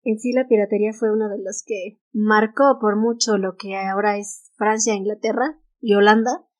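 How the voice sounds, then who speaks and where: A woman with a Mexican Spanish accent co-hosts a casual history podcast, her mid-range voice fairly even in intonation and moderate in pace. She reads her notes aloud, stumbles over English titles, and laughs easily.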